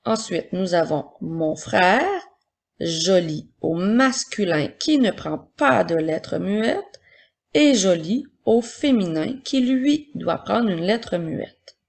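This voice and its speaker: A woman teacher with a husky, slightly gravelly voice reads words aloud at an unhurried pace for a children's dictation. She explains each step with patience, as if to first graders. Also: medium pitch, expressive, a little mellow. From Quebec, Canada. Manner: slow, patient, explaining step by step to young pupils. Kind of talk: recorded spelling and dictation lesson for children.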